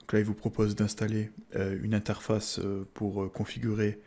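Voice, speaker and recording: A man with a French accent walks through a tech install in a casual screen-recorded tutorial. His voice sits on the low side and sounds warm, though his delivery is completely flat at a normal speed. He hesitates a lot, restarting sentences, repeating words and saying "euh" often.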